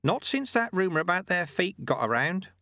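A man playing a wry, smooth old master. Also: sits high, big pitch swings, normal speed, bright, forceful tone, no echo, clean studio sound, pitched above the performer's own voice, heavily acted. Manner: smooth, teasing, airily lofty. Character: wry, unflappable old male sweeper and master.

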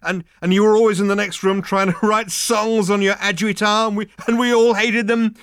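A man reading aloud and voicing a drunk male alien traveller who gushes loudly and chummily at an old friend. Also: sits high, steady tone, moderate pace, smooth, dry recording, clean studio sound, pitched above the performer's own voice. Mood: reminiscing. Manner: gushing, loud, drunkenly chummy.

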